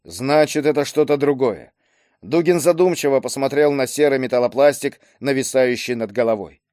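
Male audiobook reader, measured storytelling, dry recording. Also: medium pitch, darkish tone, dry recording. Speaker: narrator. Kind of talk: audiobook narration.

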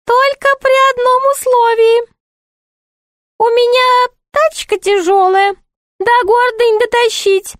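A woman's voice: extremely high pitch, fairly even intonation, takes it slowly, a bit bright, no echo, studio quality, voice pushed up, full character voice. A woman voicing a sly, greedy male court jester with a sweet, wheedling manner.

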